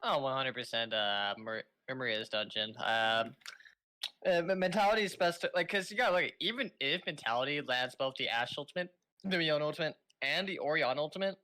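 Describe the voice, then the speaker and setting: Young male esports caster, bright timbre, loose joking delivery with stuttered restarts. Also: a little high, a little fast. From Los Angeles. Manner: joking, rambling, repeats words when starting. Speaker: esports shoutcaster. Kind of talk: casual esports commentary.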